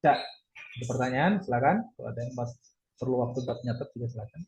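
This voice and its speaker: A man's voice: medium pitch, fast, a little mellow, reverberant, low-quality recording. A man teaching a Japanese language class online, patient and repetitive, often checking in with his students. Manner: patient, repeats points with frequent "ya".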